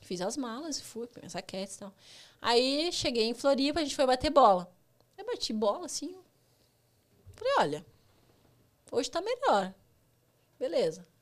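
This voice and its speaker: A woman in her thirties with a Brazilian Portuguese accent, a former tennis player telling stories as a podcast guest, animated and acting out dialogue. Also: sits high, normal speed. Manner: animated, laughs often, acts out dialogue. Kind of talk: casual storytelling chat.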